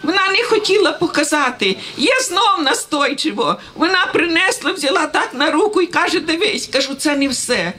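A woman's voice: high-pitched, animated, normal speed, hardly any pauses, sharp tone, low-quality recording. A woman giving an emotional personal testimony at a church gathering, laughing and tearful as she tells it.

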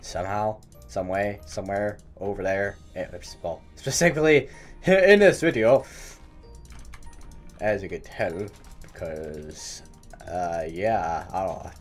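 With faint music in the background, a man with a low, animated voice talks slowly through a live Minecraft build. The gaming channel host rambles, stumbles over words, and mildly curses his mistakes in a chatty, self-deprecating way.

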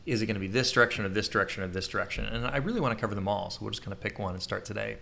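A man's voice: on the low side, racing, gravelly. A man hosting a casual live podcast, joking and rambling with his co-host. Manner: jokey, rambling, animated.

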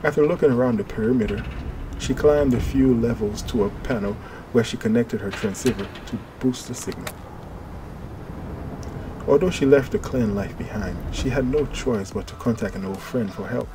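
A man reading an audiobook in steady, measured scripted narration. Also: mid-range voice, background noise. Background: music.

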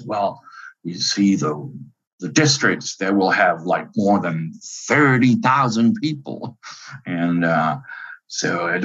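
A lower-voiced man with an Italian accent, explaining history like a professor. He talks animatedly, full of restarts and pauses. His audio is muffled and lo-fi, like a remote call. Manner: animated lecturing, many fillers and restarts. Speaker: university professor guest. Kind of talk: interview answers.

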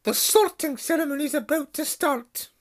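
A man voicing a stern, strict older female teacher who gives sharp, clipped orders. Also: very high-pitched, moderate pace, voice pushed up.

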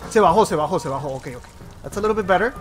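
Excitable Colombian gamer man, lively pitch. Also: quick pace, soft background music. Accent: Colombian Spanish. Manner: excitable, switching between Spanish and English; yells at the game. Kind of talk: let's play commentary.

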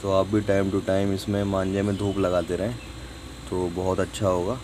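Man, deep steady voice, casual how-to vlog, noisy outdoor phone recording. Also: normal speed. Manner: chatty, instructive, mixes English phrases. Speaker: vlogger. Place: outdoors in a sunny courtyard.

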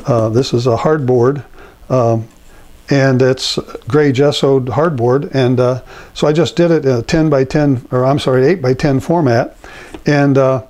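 An older man giving a relaxed, rambling painting demonstration at his easel, with many fillers, recorded on a lapel mic in a home studio. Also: medium pitch, unhurried. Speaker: painting instructor.

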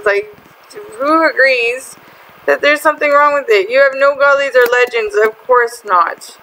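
A woman hosting a casual gaming video, chatty and excitable, often exasperated with other players. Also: high voice, moderate pace, rough recording. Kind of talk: casual gameplay commentary.

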